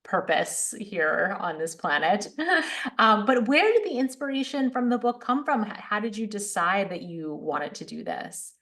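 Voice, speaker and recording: A middle-aged woman hosts an interview over a video call, speaking with eager enthusiasm. Her pitch sits in the middle range, and she laughs lightly between phrases. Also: very animated, measured pace, a bit bright. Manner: enthusiastic, giggly, with um fillers. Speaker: podcast host. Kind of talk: casual interview chat on a call.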